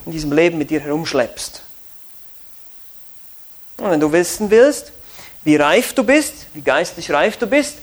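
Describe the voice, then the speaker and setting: A pastor preaching a sermon, earnest and asking his listeners many searching questions. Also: high voice.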